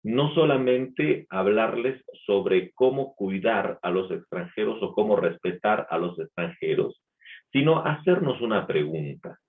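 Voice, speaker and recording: A man's voice: lowish voice, expressive, measured pace. A man with a light Peruvian accent preaching a Sunday sermon in a reflective manner, asking rhetorical questions. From Peru. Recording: tinny phone-like sound.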